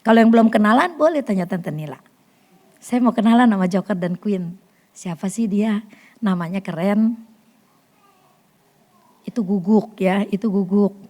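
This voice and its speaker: A woman preaching a sermon to a fellowship group in a church hall, animated, acting out quotes and swinging from loud to hushed. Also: medium pitch, moderate pace, long pauses. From Indonesia. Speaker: women's fellowship leader.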